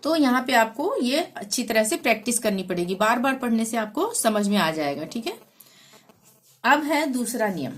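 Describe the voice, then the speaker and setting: A woman's voice: a little high, very animated, moderate pace. A woman teacher explaining pronunciation rules patiently, spelling out words letter by letter and repeating each rule. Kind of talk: language lesson.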